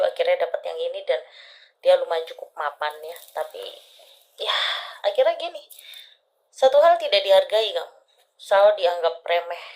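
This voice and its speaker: Soft-spoken woman palm reader. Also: on the low side, low-quality recording. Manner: intimate, calls listener "sayang", swings between soft whispers and loud laughter. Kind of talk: live-stream fortune reading.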